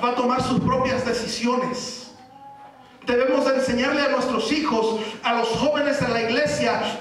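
A man preaches to young people. His voice is very high, and he sounds far from the mic. A strong echo fills the church hall, while he asks the room questions and sometimes bursts into shouts. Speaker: youth preacher. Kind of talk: sermon. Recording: echoey hall, distant mic.

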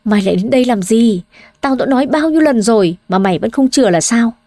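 A woman's voice: a little high, lively intonation, quick pace, dark tone, dry recording, clean studio sound. A woman voicing a spiteful, bullying older mother-in-law who scolds and wails theatrically. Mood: scolding.

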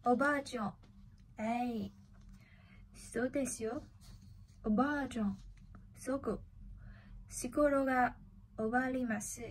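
Brief: worried grown man, a bus driver, slow careful delivery, read by a woman narrator. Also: a little high, fairly even intonation, a little hiss or hum, rough recording. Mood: calling.

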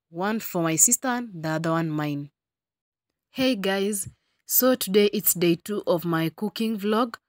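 A woman's voice: fairly low pitch, no echo, clean studio sound. A young woman with a Kenyan accent, chatting casually to viewers as she cooks in a small home kitchen, dropping in Swahili words. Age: young adult. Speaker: cooking vlogger. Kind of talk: casual cooking vlog chat. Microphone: phone camera at arm's length.

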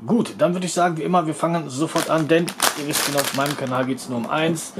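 A man's voice: fairly high pitch, fairly even intonation, fast talker, very noisy. A man hosting a food review video, talking casually as he narrates a taste test.

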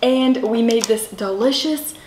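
Woman co-host for an eating vlog, relaxed and chatty, room echo. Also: fairly high pitch, a little slow, a little hiss or hum. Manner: chatty, relaxed, many "like" fillers. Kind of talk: casual chat over a meal. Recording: roomy echo.

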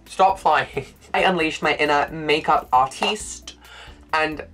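A woman's voice: low-pitched, a little slow, fairly bright tone, soft background music. A young woman vlogging casually, playful, giggly and dramatic as she chats to the camera. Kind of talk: casual vlog chat.

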